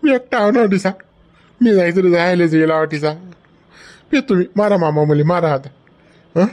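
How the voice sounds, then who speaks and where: A man plays a hot-headed young farmer from a village. His voice sits a little high, and his words come loud, fast and quarrelsome. He keeps pushing with a challenging "huh?". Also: lightly acted. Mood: aggrieved. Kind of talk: village comedy skit.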